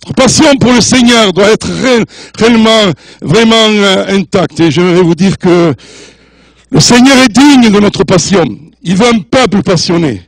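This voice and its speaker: A man's voice: high-pitched, unhurried, dry recording. An older man preaching as a guest in a church, jovial and joking with the congregation, mixing French, English and Spanish. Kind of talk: sermon.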